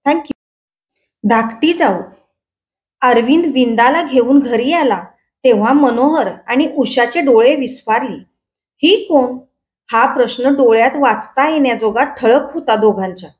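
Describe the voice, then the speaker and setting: High-voiced woman reading a story. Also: a little slow. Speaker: story reader. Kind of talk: storybook narration.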